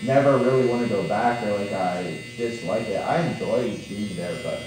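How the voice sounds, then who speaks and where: A man's voice: lowish voice, normal speed, heavy reverb, recorded from a distance, noisy background. A young man from Guatemala, a barbershop customer, chatting casually with lots of fillers and restarts. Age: young adult. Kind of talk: casual chat.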